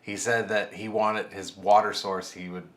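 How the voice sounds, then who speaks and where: A man's voice: fairly low pitch, flat delivery, normal speed, fairly bright tone. A man co-hosting a podcast, telling a story in a rambling, casual way and often trailing off. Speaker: podcast co-host.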